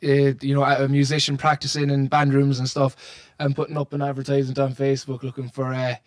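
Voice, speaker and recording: A man's voice: medium pitch, completely flat delivery, quick pace. A young man from Ireland with a Cork accent, a singer chatting casually in an interview, laughing often and trailing off with fillers. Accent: Cork Irish. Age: young adult. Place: recording studio lounge, indoors. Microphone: handheld microphone.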